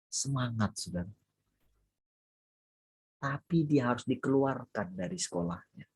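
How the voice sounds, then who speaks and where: A man preaching a sermon on a video call, his husky voice at a middling pitch. He preaches animatedly, jumping up high and loud to stress a point, then sinking into low, soft reflection. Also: lively intonation, a little slow.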